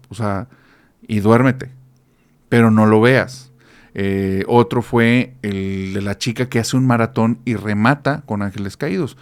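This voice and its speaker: A man with a Mexican accent, a podcast guest casually recounting listeners' horror stories, rambling with restarts. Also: medium pitch. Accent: Mexican Spanish. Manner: rambling, with frequent restarts and acted quotes.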